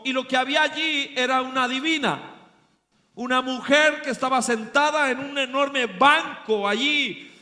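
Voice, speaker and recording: A man preaching a sermon at a pastors' retreat, telling a story dramatically and swinging from loud bursts to hushed passages. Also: extremely high pitch. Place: large hall at a pastors' retreat. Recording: long hall reverb.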